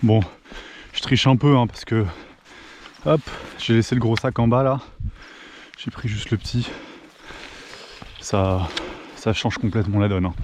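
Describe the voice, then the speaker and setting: A man's voice: on the low side, steady tone, unhurried, pauses often, noisy background. A man from France filming himself on a mountain hike, chatting casually and thinking aloud with restarts. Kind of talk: casual vlog narration. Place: mountain trail outdoors. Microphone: handheld camera.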